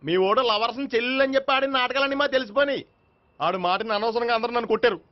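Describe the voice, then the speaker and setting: A shrill hotheaded young man. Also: rapid-fire. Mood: boastful. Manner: excitable, boastful rants. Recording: dull lo-fi film soundtrack.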